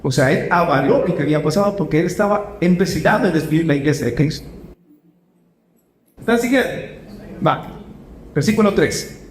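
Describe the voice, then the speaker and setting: A pastor with a bright, high voice preaches to his congregation, often turning to ask them questions. His phrasing speeds up and slows down as he goes. The sound carries a roomy church echo with a faint hum of ambience behind it. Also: lively intonation. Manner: asks the congregation questions, shifts between quick and slow phrasing. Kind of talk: sermon. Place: church hall.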